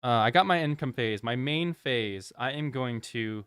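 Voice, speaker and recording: A man's voice: mid-range voice, animated, normal speed, fairly bright tone, clean tone, no room sound, clean studio sound. A man hosting a live board game stream, chatting casually, teasing his opponent and laughing often. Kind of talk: casual livestream chat while playing.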